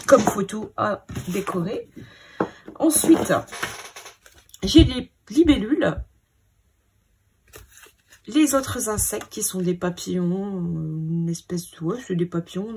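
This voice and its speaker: A woman's voice: medium pitch, a little mellow, slightly rough. A woman hosting a scrapbooking video, thinking aloud in a hesitant, casual way as she sorts her papers. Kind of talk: casual crafting commentary.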